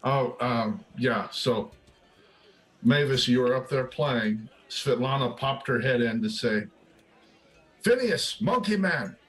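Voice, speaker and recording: A man's voice: medium pitch, steady tone, takes it slowly, poor audio. A man narrating as dungeon master in a casual, chatty way, humming little tunes and often restarting his phrases. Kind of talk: narrating a tabletop game.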